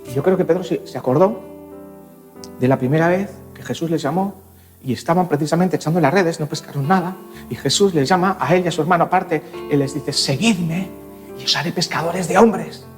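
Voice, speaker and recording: Animated Spanish pastor preaching. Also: male voice, on the high side, fairly quick, faint music behind. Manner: animated, acting out dialogue with voice shifts. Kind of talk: sermon. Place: church.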